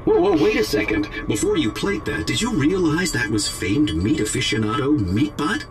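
A man's voice: on the high side, wildly swooping pitch, moderate pace, soft background music. A man voicing a bossy, matter-of-fact robot chef in a video game, explaining things in stilted, instructional phrases. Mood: alarmed, urgent. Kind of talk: video game character acting.

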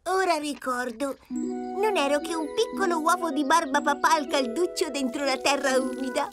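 A woman's voice: sits high, normal speed, close to an everyday voice. A woman voicing an ailing, sulky young boy blob creature in a cartoon, in a dramatic manner. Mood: dreamy, nostalgic. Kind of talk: Italian cartoon dub acting. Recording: loud music behind the voice.

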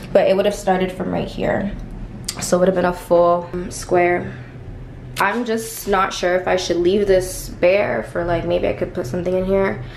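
A woman's voice: on the low side, vocal fry, a little mellow, a little hiss or hum. A young woman vlogging casually at home, chatty and emphatic, dropping the odd swear as she talks. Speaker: lifestyle vlogger. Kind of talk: casual vlog chat. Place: indoors at home in a small room. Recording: echoey room, faint home ambience.

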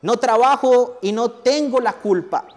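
A man voicing a small frightened lazy female bee with a high, pleading voice. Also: unhurried, a little mellow. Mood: defiant. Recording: echoey hall, faint music.

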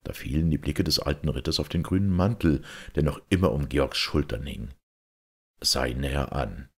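Gravelly, very deep male narrator. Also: normal speed. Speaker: audiobook reader. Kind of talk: scripted narration.

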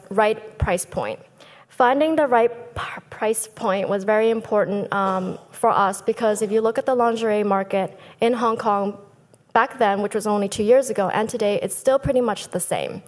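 A woman in her thirties, a business founder who grew up in Thailand, giving a lively prepared talk from a lectern on a conference stage. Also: a little high. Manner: lively, gestures with both hands, speaks from a lectern. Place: large conference hall stage. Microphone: lectern microphones. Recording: long hall reverb.

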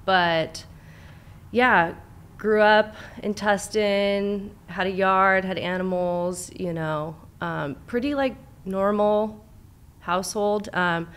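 In a brick-walled studio, speaking into a boom-arm mic while wearing headphones, a young therapist and clinical director from Southern California tells her personal story as an interview guest. She talks slowly and chattily with many fillers, her medium-pitched voice steady, a bit bright, and clean.

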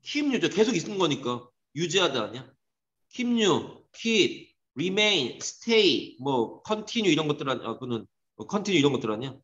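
A man teaching an English grammar lesson to a class, lively and teasing, scolding students. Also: fairly high pitch, unhurried. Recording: dull echoey classroom recording.

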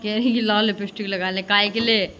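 Narrating her vlog casually, a young woman talks viewers through arriving at a hostel and cooking in the kitchen there. She speaks a little fast in a medium, pushed, bright voice with little pitch movement; the indoor phone audio is noisy.

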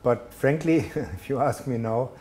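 Here the German telecom executive is slightly slow and mellow, his voice sitting in the mid range. Interviewed as a guest on an indoor studio set with a brick wall, he talks conversationally but hesitantly, putting himself down and stumbling through fillers and restarts.

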